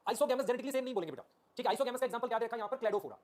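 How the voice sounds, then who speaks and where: Man, biology teacher, live online lecture, quick, repetitive, calls students children. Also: very high voice, darkish tone. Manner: checks in constantly, repeating "okay? clear?"; addresses students affectionately as children.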